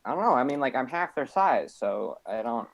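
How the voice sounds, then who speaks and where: A man's voice: medium pitch, very animated, moderate pace, vocal fry. A man playing a tabletop game on a live stream, talking in character with lots of hesitation and trailing off. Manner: hesitant, full of ums and trailing off. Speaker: player.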